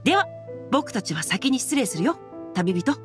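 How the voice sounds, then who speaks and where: 口のうまい若い貴族の剣士、軽やかで気取らない話しぶり。やや高めの声で抑揚が豊か、背後に薄く音楽が流れるゲームの台詞。. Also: female voice, fairly high pitch, very animated, normal speed, soft background music. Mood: breezy. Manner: glib, breezy, proverb-quoting. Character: witty young nobleman swordsman, smooth talker. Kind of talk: video game dialogue.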